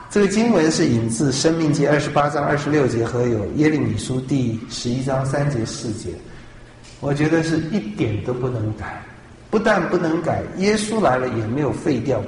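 A man's voice: on the high side, a little hiss or hum. A man preaching a sermon with emphasis, putting rhetorical questions to his listeners. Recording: echoey hall with long reverb.

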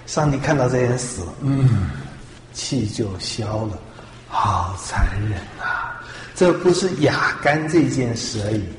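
A man preaches a sermon in an emphatic style, often turning to the congregation with rhetorical questions. His voice sits at an ordinary middle pitch. The recording has a roomy, echoing sound with long reverb, as in a large hall. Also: lively intonation, moderate pace, a little hiss or hum.

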